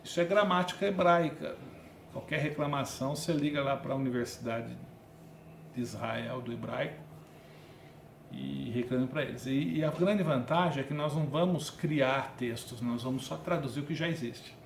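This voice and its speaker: A man with a Brazilian Portuguese accent gives a recorded online lesson on Biblical Hebrew grammar, explaining things conversationally and often checking in with his listeners. His voice is medium-pitched and gravelly at a normal speed, in an echoey room with faint ambience and a bit of hiss or hum.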